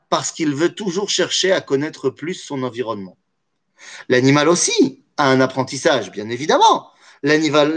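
A man teaching a Torah study lesson, explaining with animation, weaving in Hebrew terms and jokey asides. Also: fairly high pitch.

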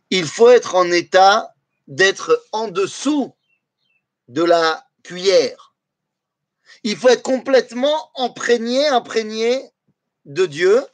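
A man gives a Torah class in a high, animated voice that rises and falls with energy. He quizzes his listeners and weaves Hebrew phrases into his explanation. The recording is dry and close, with no room sound. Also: no echo. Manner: lively, asks the audience questions, mixes in Hebrew phrases. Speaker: Torah teacher.

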